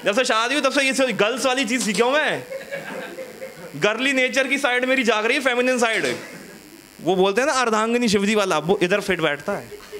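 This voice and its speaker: A male stand-up comic with a notably high voice, spinning stories in a loose, chatty way. He keeps breaking off to banter with his audience on a small studio stage. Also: fairly quick, bright, forceful tone. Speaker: stand-up comedian. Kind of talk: stand-up comedy set.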